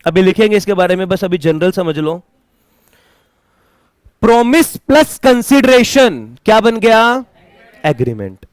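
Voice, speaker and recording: A man's voice: sits high, big pitch swings, unhurried, pauses often, clear, resonant tone, no room sound, clean studio sound. A man teaching a classroom lecture, asking students questions and mixing English terms into his talk. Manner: mixes Hindi with English terms.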